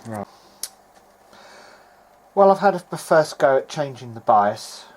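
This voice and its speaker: Testing equipment on camera, a hobbyist electronics repairer muses aloud in a loose, hesitant diary narration. His medium-pitched voice is sing-song and slow, and the homemade recording has plenty of noise.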